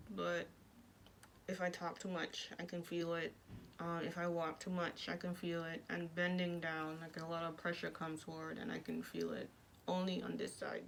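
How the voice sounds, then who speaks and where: A woman's voice: lowish voice, gravelly, a bit bright, a little hiss or hum. A woman talking casually in a personal vlog, speaking through clenched teeth with little mouth movement. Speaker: vlogger sharing recovery from jaw surgery.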